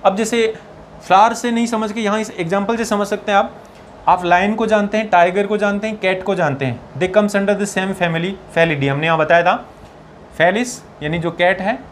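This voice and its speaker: A man teaching biology for an entrance exam, mixing Hindi and English, slowing down to dictate textbook lines and often checking in with his students. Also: high-pitched, a little hiss or hum. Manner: slows down to dictate English textbook lines, keeps asking "ठीक है ना". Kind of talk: exam-prep lecture, Hindi mixed with English.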